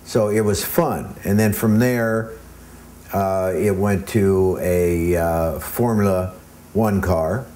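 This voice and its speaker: Deep-voiced man telling old stories. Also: slow, warm tone. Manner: rambling anecdotes with many ums. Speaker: interview guest. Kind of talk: casual storytelling.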